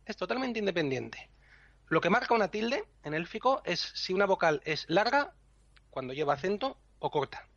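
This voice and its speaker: A man's voice: sits high, very animated, normal speed, a bit bright, no echo. A man explaining language rules to a co-host in a patient, teacherly way, with frequent chuckles. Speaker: language section guest. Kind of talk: explanatory podcast chat. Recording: dull lo-fi podcast recording with faint music.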